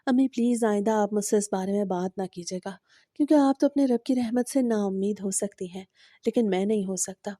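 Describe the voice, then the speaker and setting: A woman reading the lines of a calm, devoted young husband and son, gentle and patient. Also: mid-range voice, dry recording, clean studio sound, close to an everyday voice. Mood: firm.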